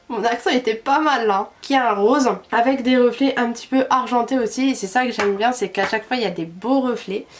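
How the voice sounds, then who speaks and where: A young woman from France, chatting casually about a makeup order she received, with frequent hesitation fillers. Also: a little high. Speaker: beauty vlogger. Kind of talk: casual product review.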